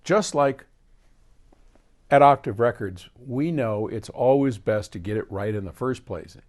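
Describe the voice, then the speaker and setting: Here an older American man, medium in pitch and measured in pace, hosts an informal question-and-answer session. His answers ramble into anecdotes and side trips, and he likes to quote what people said.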